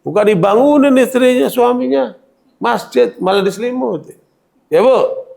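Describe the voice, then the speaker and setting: Gravelly high-voiced male preacher. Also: expressive, normal speed, a little mellow. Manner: keeps checking in with the audience, colloquial. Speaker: Islamic preacher. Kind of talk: religious lecture to women.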